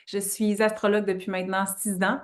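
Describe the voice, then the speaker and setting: A woman's voice: medium pitch, flat delivery, fairly quick. A woman in her thirties from Quebec with a Québécois French accent, answering interview questions thoughtfully with many fillers. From Quebec, Canada. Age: 30s. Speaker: astrologer guest.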